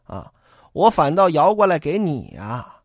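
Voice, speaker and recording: A man's voice: fairly high pitch, huge pitch swings, measured pace, no room sound, studio quality, full character voice. Sly ruffian boatman, taunting and greedy; a man performs him in a storytelling piece. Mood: mocking. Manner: sneering, taunting.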